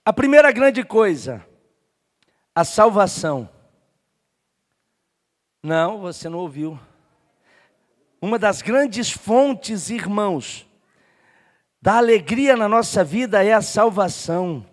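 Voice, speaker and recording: High, bright-voiced pastor in echoing church. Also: male voice, animated, slow, pauses often. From Brazil. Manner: storytelling, rising to shouted passion. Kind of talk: sermon. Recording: long church hall reverb.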